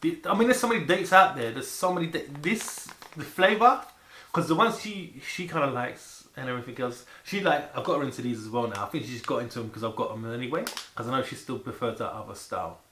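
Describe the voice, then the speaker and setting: A man chatting casually and excitedly to camera about food, rambling and repeating words for emphasis. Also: mid-range voice, fast. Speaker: vlogger presenting food to camera. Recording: echoey room with faint background noise.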